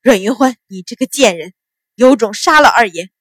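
A woman voicing a captive nobleman who shouts, curses and stammers in panic. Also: on the high side, expressive, moderate pace, no echo, studio quality. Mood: furious.

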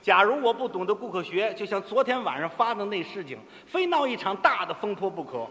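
Lively high-voiced man telling a comic story. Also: brisk, big-room sound. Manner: animated, acts out other characters. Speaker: crosstalk performer.

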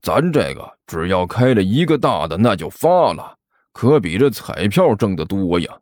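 Man doing a gruff, grumbling old-school master. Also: on the low side, very animated, darkish tone, no echo, studio quality, voice pushed down. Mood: musing. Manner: slow, grumbling, lecturing. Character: gruff boastful middle-aged tomb-robber master.

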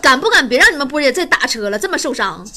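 A woman's voice: high voice, big pitch swings, fast, background noise. A woman comedian, telling stand-up stories in a teasing, self-mocking way. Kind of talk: stand-up storytelling.

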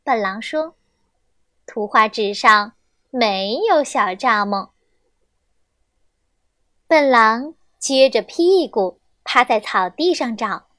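A young woman reading a children's story aloud, gentle and expressive, on a close mic. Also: a little high, takes it slowly, pauses often, no room sound.

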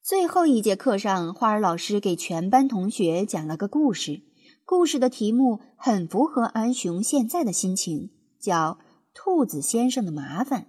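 A woman narrating a children's storybook in an expressive, lively storytelling manner. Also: medium pitch, breathy edge. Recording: music playing behind.

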